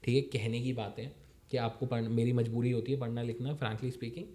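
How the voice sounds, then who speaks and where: A man's voice: mid-range voice, flat delivery, moderate pace, warm tone. A young man, a startup founder, talking in a casual podcast chat, making points emphatically and repeating them, dropping English phrases.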